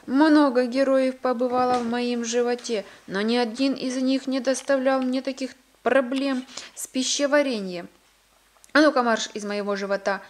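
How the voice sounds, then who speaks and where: A woman's voice: sits high, expressive, measured pace, few pauses. A woman doing a grumpy giant. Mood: grumbling. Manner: loud, grumbling complaints. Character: huge old male forest giant, grumpy.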